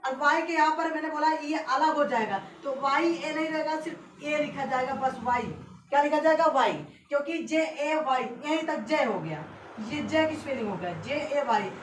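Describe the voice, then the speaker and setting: A woman teacher giving a classroom lesson, spelling out letters slowly and often checking that her students follow. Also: high-pitched. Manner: repetitive, keeps checking students understand. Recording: echoey room from far off, faint hiss.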